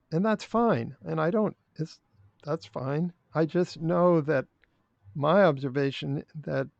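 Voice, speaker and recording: An older man speaking as a podcast guest in casual interview chat, blunt and opinionated, halting with restarts. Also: on the high side, vocal fry, a little mellow, no echo. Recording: dry, dull lo-fi sound.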